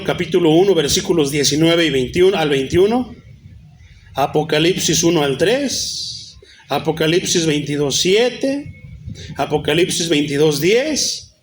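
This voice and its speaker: A man's voice: fairly high pitch, slight background noise. A man preaching a sermon, calling his listeners brother and reciting Bible references. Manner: addresses listeners as brother, cites many Bible verses. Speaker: pastor.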